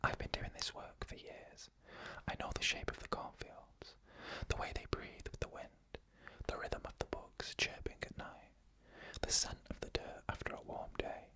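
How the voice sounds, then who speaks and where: Reading eerie first-person stories, an ASMR storyteller speaks in a soft, unvoiced whisper. Short phrases are separated by measured pauses.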